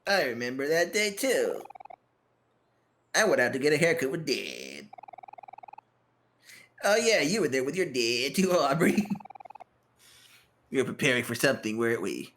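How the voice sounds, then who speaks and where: A man playing a video game with friends, reading character dialogue aloud in a slow, drawn-out way. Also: medium pitch, very animated, fairly bright tone, a little hiss or hum. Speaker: let's play gamer.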